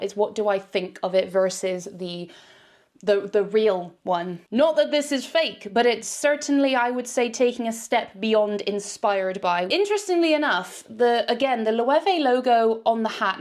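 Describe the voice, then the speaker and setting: Chatty British woman reviewing fashion. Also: fairly high pitch. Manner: candid, animated, quick asides. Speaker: fashion vlogger. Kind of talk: chatty try-on haul review.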